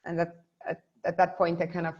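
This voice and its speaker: A woman's voice: on the low side, completely flat delivery, a little mellow. A woman in her twenties with an Estonian accent, presenting informally and hesitantly over a video call. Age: 20s. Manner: hesitant, halting phrasing. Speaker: guest speaker. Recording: muffled, lo-fi video call audio.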